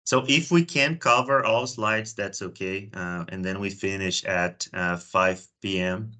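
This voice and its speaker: With a deep, bright and forceful voice, a Brazilian man hosts a video call at an unhurried pace. Portuguese is his first language; the talk is casual, he's chatty, and he tends to repeat words as he gets a sentence going.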